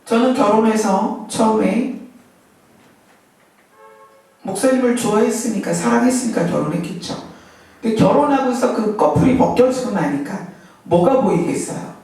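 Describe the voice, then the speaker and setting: Middle-aged woman preacher, animated sermon full of questions, recorded from a distance in a very echoey church. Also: medium pitch, normal speed, long pauses. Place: church sanctuary. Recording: echoey hall, mic from far off.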